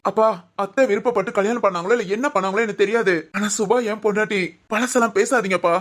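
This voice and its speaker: A woman voicing a young husband who firmly defends his wife in an animated family drama. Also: mid-range voice, fast talker, close to an everyday voice. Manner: firm, pleading.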